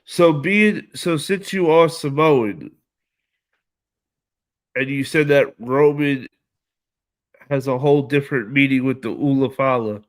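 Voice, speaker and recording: A man hosting a casual live stream, reading viewer comments aloud and answering them in a relaxed, slangy way. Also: mid-range voice, slow, pauses often. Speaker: livestream host reading chat.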